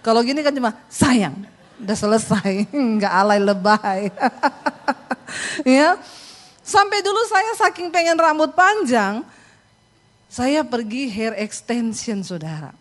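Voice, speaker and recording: A middle-aged woman pastor, preaching a sermon through animated storytelling and acting out quoted voices. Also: fairly high pitch, measured pace, long pauses.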